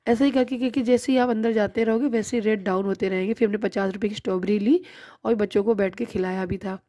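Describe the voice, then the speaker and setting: This vlogger in her thirties talks fast in a steady, dark, medium-pitched voice, recorded dry. Her casual voice-over for her shopping vlog is chatty, walking through prices and the bargaining involved.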